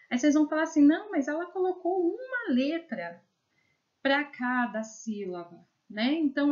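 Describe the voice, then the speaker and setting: A woman with a Brazilian Portuguese accent who works as an educational psychologist gives a video lesson, explaining slides and sounding out words slowly syllable by syllable. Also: high voice, lo-fi sound.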